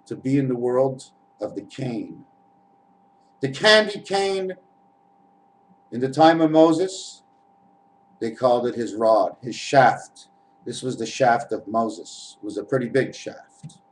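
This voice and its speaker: A vlogger speaks to the camera from home in a medium-pitched, lively voice, going slowly with long pauses over poor audio. His spiritual monologue rambles as he makes wordplay from letters and numbers and addresses viewers as friends.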